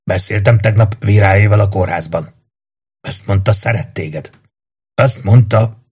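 A man voicing a gentle, fatherly old warrior in an audiobook, calm and soothing. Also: fairly low pitch, husky.

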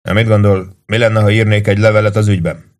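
A man voicing an excitable, fretful army lieutenant who bursts into agitated exclamations. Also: fairly low pitch, natural voice. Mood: exasperated. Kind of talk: audiobook character voice.

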